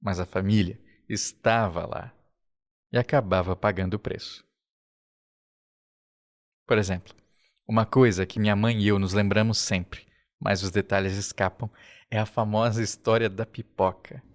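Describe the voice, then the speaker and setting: A man with a Brazilian Portuguese accent, narrating a documentary podcast in a slow, reflective way. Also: fairly low pitch, steady tone. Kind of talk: scripted narration. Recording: faint music underneath.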